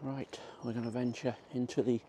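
A middle-aged man vlogs while strolling through a country park, chatting casually as he walks. His mid-range voice is dark in tone, brisk, and barely moves in pitch. Faint outdoor ambience sits under the recording.

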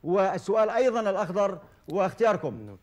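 A man hosting a televised quiz show, formal and measured, with frequent hesitation fillers. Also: high-pitched, sing-song. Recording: old television broadcast recording.

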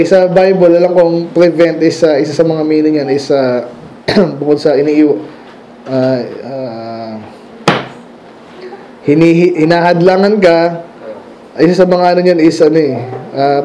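A man's voice: a little high, fairly even intonation, unhurried, pauses often, mellow, a little hiss or hum, rough recording. A man preaching a sermon in a church, conversational, asking the congregation questions and laughing at his own stories. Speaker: pastor.

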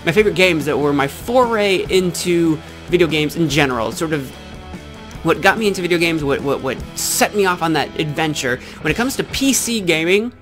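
A YouTube gaming channel host, a Midwestern-accented man in his twenties from Illinois, chats to camera in a casual, rambling, self-correcting style. His voice is a little high, expressive, fairly bright, and a touch fast, with soft music in the background. He sits in a small indoor room with a green screen backdrop, near a desk mic with a pop filter.

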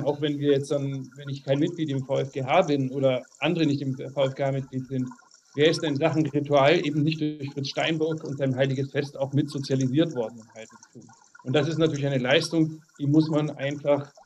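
A man's voice: fairly high pitch, darkish tone. A middle-aged man giving an informal ceremonial toast in long, winding, earnest sentences over a video call. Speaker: guest giving a congratulatory speech. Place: room with bookshelves. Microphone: video call webcam. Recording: dull, noisy video-call audio.

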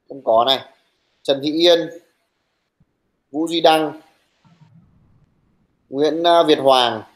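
A young male teacher running an online class, brisk and teasing, who scolds his students bluntly while taking attendance. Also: on the high side, a bit bright, poor audio.

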